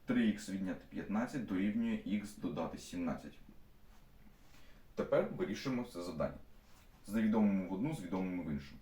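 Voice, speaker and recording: Recorded from afar in an echoey classroom, this young male math teacher speaks in a low, warm voice, animated and fast. He explains problems step by step, frequently pausing to go over steps again with fillers.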